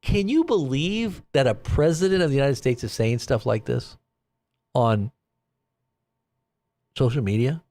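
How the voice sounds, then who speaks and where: A man's voice: mid-range voice, lively intonation, a little slow, long pauses, a little mellow. Casual rambling male news host. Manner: casual, rambling with fillers, incredulous. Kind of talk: live news commentary.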